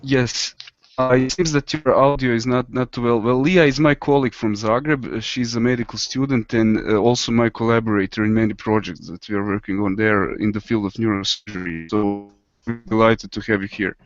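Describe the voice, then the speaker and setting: A man hosting an online webinar, introducing guests in a halting manner that stumbles over words. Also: fairly low pitch, steady tone, no room sound. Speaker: host. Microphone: video call. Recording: dull, dry online call audio.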